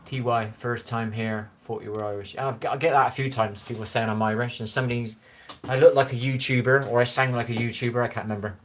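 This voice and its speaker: This Bristol livestreamer, a man with a West Country accent, has a mid-range voice and a steady tone, and he speaks quickly. Rambling, chatty and easily amused, he casually reads out comments on his phone from his dimly lit room. A slight hiss or hum sits under the audio.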